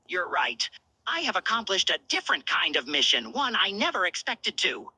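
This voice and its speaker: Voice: medium pitch, wildly swooping pitch, normal speed, pushed and bright, breathy edge, no echo, full character voice, low-quality recording. A performer voicing a smitten, confident alien commander from a cartoon fan dub, articulate and wry. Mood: wry, fond.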